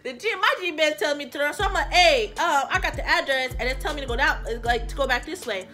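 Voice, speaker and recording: A young adult woman from California recounts a story straight to camera in a lively, slangy way, voicing each person she quotes. Her voice sits high and has a crisp, bright edge. Faint music plays quietly behind her. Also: fast. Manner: animated, slangy, acts out quoted dialogue. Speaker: vlogger. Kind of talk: storytime vlog retelling.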